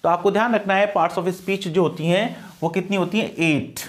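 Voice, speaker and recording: Speaking at a normal speed in a high-sitting voice, this man prepares students for exams by teaching English grammar in a Hindi-English mix. His accent is Indian, and he drills pronunciation while asking the class questions he then answers himself.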